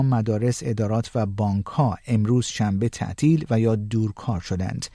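A male news anchor reads his bulletin in a measured, even way. His voice is dark and mellow. The sound is dry and close, with no room around it. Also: medium pitch, no room sound. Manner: measured, even newsreader delivery. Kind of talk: scripted news reading.

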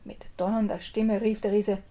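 A woman narrates a fairy tale in a lively storytelling voice. Her pitch sits in the middle of the range. Now and then she pauses to explain the regional words.

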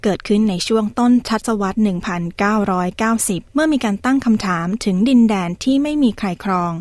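A woman's voice: mid-range voice, fairly quick, darkish tone, dry recording. A woman narrating a scripted news feature as a radio presenter, formal and carefully enunciated.

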